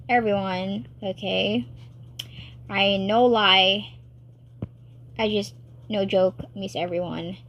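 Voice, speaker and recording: A woman talking to herself while animating on a tablet, rambling, cheering herself on and breaking into excited outbursts. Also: mid-range voice, a little hiss or hum. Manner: rambling, self-encouraging, chatty with sudden excited outbursts. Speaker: animator narrating her work. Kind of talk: casual talk while drawing.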